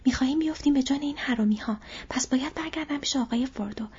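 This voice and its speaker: Breathy earnest young hobbit guy, a lady reading him, kinda high, dull lo-fi audio. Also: darkish tone. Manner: eager, raised urgent calls. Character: loyal young male hobbit, earnest and brave.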